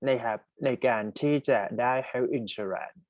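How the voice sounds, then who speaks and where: Young thai guy tutoring english online, slow deliberate pace, dry close sound. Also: medium pitch, no echo, lo-fi sound. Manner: reads English sentences slowly, explains quickly in Thai; asks students to type answers in chat. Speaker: English teacher. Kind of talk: online exam-prep lesson.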